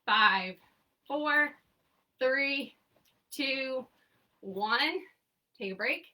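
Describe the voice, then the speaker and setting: A young exercise instructor leads a seated class remotely from home, counting reps aloud and giving short, upbeat coaching cues. Her high, bright, pushed voice is extremely slow and comes from far away from the mic.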